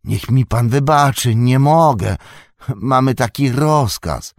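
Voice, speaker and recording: A man's voice: medium pitch, slow pace, no echo, studio quality, pitched above the performer's own voice. A man voicing a timid, anxious old male hobbit gatekeeper in an audiobook, fretful and pleading. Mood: nervous. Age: older.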